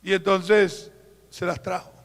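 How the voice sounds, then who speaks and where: A Colombian man preaching as a pastor, telling a story with acted-out dialogue and dropping to a hush for quoted voices. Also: high-pitched, little pitch movement, slow pace, gravelly. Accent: Colombian Spanish. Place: church. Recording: live church recording, long hall reverb.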